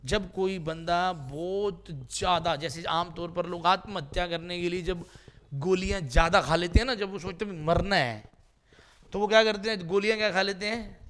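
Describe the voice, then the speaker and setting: A man's voice: high-pitched, fairly bright tone, a little hiss or hum. A man teaching English vocabulary in a classroom, quizzing students with repeated questions in a playful way.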